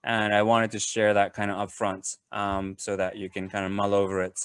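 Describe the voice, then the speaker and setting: A man giving a casual webinar talk on a video call, pausing often with fillers and restarts. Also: fairly low pitch, completely flat delivery, fairly bright tone, clear, resonant tone, dry recording, studio quality. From Japan. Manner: hesitant, many fillers and restarts. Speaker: webinar presenter.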